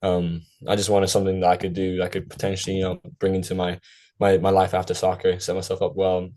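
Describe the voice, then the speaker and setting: Deep-voiced young Irish-raised man, flat delivery. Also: fast. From Ireland. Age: young adult. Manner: rambling, full of fillers and self-corrections. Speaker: guest. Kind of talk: casual podcast interview.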